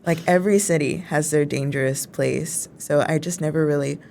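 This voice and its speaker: A woman's voice: sits low, steady tone, normal speed, vocal fry, a little mellow. A young woman in her twenties from the Chicago suburbs, co-hosting a casual chat and filling her talk with "like". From Chicago suburbs, United States. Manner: chatty, heavy use of filler "like". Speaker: co-host.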